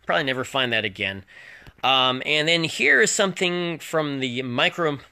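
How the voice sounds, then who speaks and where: A man's voice: lively intonation, moderate pace, pushed and bright, clear, resonant tone. A man presenting items as a home shopping host in a casual, unscripted, rambling and hesitant way. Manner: rambling, hesitant item-by-item pitch with prices.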